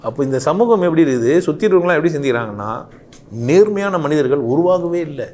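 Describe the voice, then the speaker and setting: A man speaks in an impassioned monologue. His voice sits fairly high and leaps up and drops low as he stacks one rhetorical question on another. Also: fast talker, a little hiss or hum. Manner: animated, rhetorical questions, rising and falling sharply.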